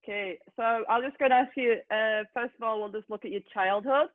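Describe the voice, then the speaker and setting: Fairly high-pitched and a little quick, an English-accented woman hosts a video call Q&A as a youth soccer coach. She's chatty and says "okay" a lot, and the audio is tinny and dry.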